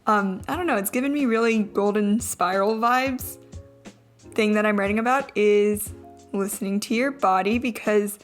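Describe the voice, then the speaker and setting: Young woman, trouble pronouncing R's, casual vlog narration, self-deprecating, chatty, mid-pitched, music in the background. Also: moderate pace. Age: young adult. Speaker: vlogger.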